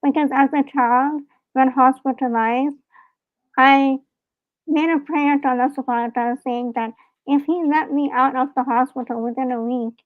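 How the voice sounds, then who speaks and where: A woman from Hong Kong speaks in a high, fairly flat voice, telling her story in an earnest, reflective way. The sound comes through a dry, narrow, phone-like call line. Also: moderate pace, dry recording. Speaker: author and guest. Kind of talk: live interview over a call.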